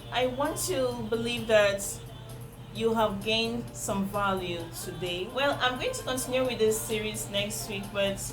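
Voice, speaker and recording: This parenting vlogger speaks in a fairly high voice, captured in a low-quality recording with music beneath it. She has a Nigerian accent and is a native Igbo speaker, talking earnestly to her viewers and driving home key points through repetition.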